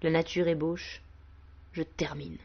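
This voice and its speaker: A woman voicing Man himself, a proud and boastful male spirit, in a solemn recited poem. The voice sits very low for a woman and is delivered in measured, declamatory lines. The recording is dull and lo-fi. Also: level tone. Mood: proud, exalted. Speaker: poetry reader. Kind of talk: poetry recitation.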